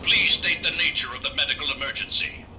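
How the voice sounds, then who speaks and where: A man voicing a malfunctioning male robot field medic that glitches and reports errors in flat, clinical machine announcements, with a robotic filter on the voice. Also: a little high, fast, recorded from a distance, slight background noise, rough recording. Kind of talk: video game character dialogue.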